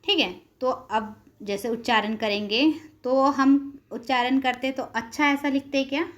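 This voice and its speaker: A woman teacher talks through a lesson at an unhurried, deliberate pace. Her voice sits a little high, and she keeps repeating key terms and asking her students whether they follow. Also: fairly even intonation. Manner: patient, repeats terms and asks check questions. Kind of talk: classroom lesson explanation.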